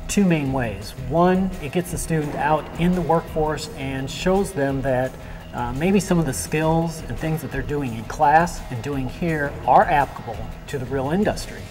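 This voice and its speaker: A man's voice: a little high, moderate pace, long reverb tail, music in the background. A middle-aged man who teaches agriculture, speaking in an interview in an earnest, practical way. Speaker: instructor.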